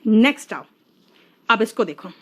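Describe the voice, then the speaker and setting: Woman teacher explaining grammar, high voice that jumps around a lot, coaxing and drawn out. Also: sing-song, normal speed, a bit bright. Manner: coaxing, calls students "beta", drags out example words. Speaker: English teacher. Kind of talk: classroom grammar lesson.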